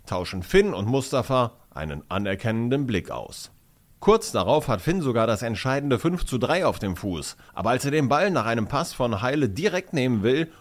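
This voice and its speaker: A man narrating a children's audiobook in an animated, expressive storytelling manner. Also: medium pitch.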